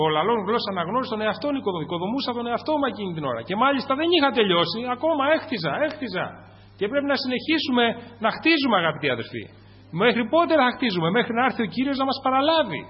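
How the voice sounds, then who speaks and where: A Greek man preaching a fervent sermon to his congregation, rising to loud peaks and dropping to low asides. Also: slightly rough. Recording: muffled, echoing church recording.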